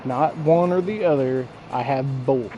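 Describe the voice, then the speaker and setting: Blunt guy with a dip in his lip, casual sweary gamer rambling, medium pitch, music clearly playing behind. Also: unhurried, warm tone, dull audio. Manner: blunt, coarse, frequent swearing; talks with a lip full of dipping tobacco. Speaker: gaming video creator.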